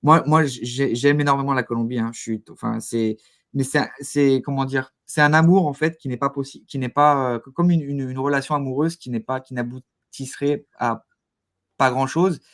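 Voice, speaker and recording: A man giving a casual interview as a guest, haltingly repeating words as he searches for phrasing. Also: medium pitch, fairly even intonation, a bit bright.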